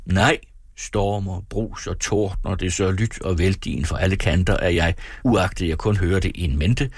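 Male reader for a classic essay: low, husky voice, close and dry, with a theatrical delivery. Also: no room sound. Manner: theatrical, swings between high and low. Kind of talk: dramatic reading of an old essay.

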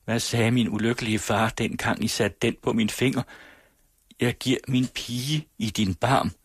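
A man's voice: medium pitch, steady tone, slightly rough, no room sound, clean studio sound, voice pushed up, lightly acted. A man voicing a distraught young woman who pleads for her father in an old storybook tale. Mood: pleading.

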